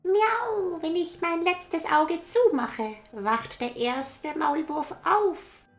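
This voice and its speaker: Small playful fairy-tale cat: squeaky high pitch, mewing, stretched words. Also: female voice, faint music behind, full character voice. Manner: meowing, squeaky, drawn-out words. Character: tiny playful cat in a tree.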